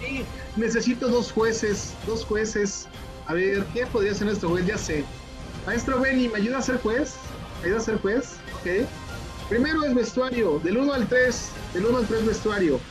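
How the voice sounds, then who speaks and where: A man, a teacher trainer hosting a children's event over a video call, talking in an animated, coaxing way and repeating himself. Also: sits high, normal speed, over music. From Mexico. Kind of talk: lively online workshop hosting.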